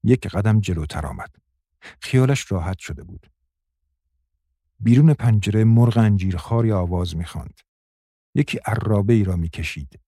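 A man reading a story aloud in a measured, calm narration. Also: fairly low pitch, dry recording, studio quality. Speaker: audiobook narrator. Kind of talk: scripted narration.

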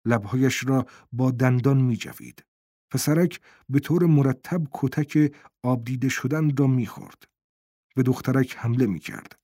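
A man's voice: medium pitch, breathy edge, dry recording. Man narrating an audiobook, dry close sound. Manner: steady storytelling delivery.

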